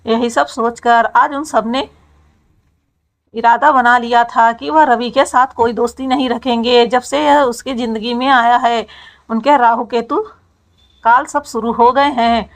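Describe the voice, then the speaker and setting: Woman storyteller, casual narration, colloquial, high voice. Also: fairly even intonation, measured pace, no echo.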